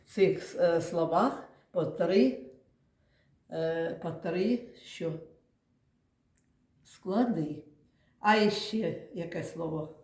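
A woman teacher speaks slowly and patiently to small children, stretching out sounds and syllables as she guides them. Her voice sits a little low, and the room around her rings with echo. It is a calm classroom lesson. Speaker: kindergarten teacher. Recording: echoey room.

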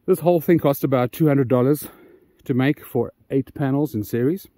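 A man's voice: mid-range voice, moderate pace, warm tone, no room sound. A man walking through his homemade solar panel mount outdoors, rambling with many ums and restarts, a bit out of breath. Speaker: DIY solar channel host. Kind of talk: casual walkthrough vlog.

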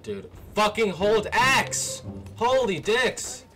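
A man's voice: sits high, slow pace, sharp tone, soft background music. A young man raging at a video game on stream, frustrated and cursing at his teammates. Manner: raging gamer, frustrated and foul-mouthed. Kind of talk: game livestream commentary.

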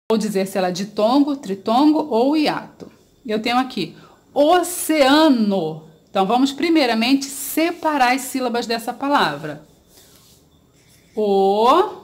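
A woman with a Brazilian Portuguese accent and a higher voice teaches children a grammar lesson. She draws out her syllables, asks the pupils questions, and praises their answers.

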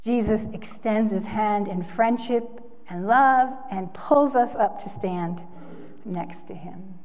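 A woman preaching a sermon in a church, earnest and expressive, lifting her voice for emphasis. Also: medium pitch, takes it slowly. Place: church sanctuary. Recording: long hall reverb.

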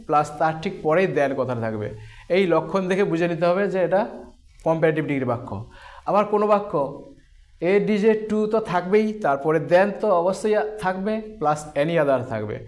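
Slow, deliberate man teaching grammar. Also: high-pitched, lively intonation. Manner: slow, deliberate, repeats and breaks words into syllables; asks questions then answers them himself. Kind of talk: explaining a grammar lesson.

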